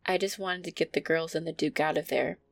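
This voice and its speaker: A woman with a low voice and vocal fry speaks briskly, with fairly even intonation and no echo. In an audio roleplay she plays an affectionate, easily flustered vampire girlfriend centuries old, speaking to her listener intimately and hesitantly, in an earnest, reminiscing mood.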